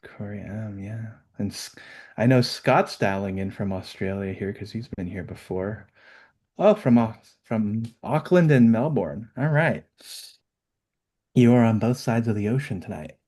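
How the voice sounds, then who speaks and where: A man with a somewhat low voice hosts an online webinar. He talks in a chatty, upbeat way, full of fillers and restarts. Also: lively intonation, measured pace, dark tone. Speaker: webinar host. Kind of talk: casual webinar chat.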